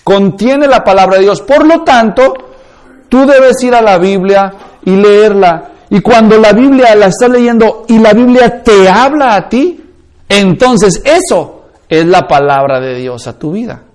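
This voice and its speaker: A man's voice: sits high, expressive, measured pace, a little mellow. A man teaching a course on preaching, emphatic and full of rhetorical questions. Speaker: preaching instructor.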